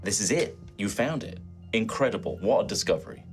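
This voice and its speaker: A man with a fairly low voice and big pitch swings narrates a tabletop roleplaying game as game master, speaking briskly. He keeps it conversational but adds theatrical emphasis when describing scenes, with background music under his voice.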